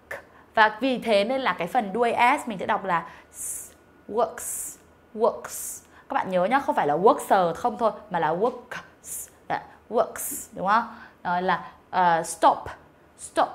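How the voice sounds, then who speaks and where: A young woman teaching an online English lesson, patiently explaining and carefully modeling each sound, with frequent fillers and check-in questions to her pupils. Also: on the high side.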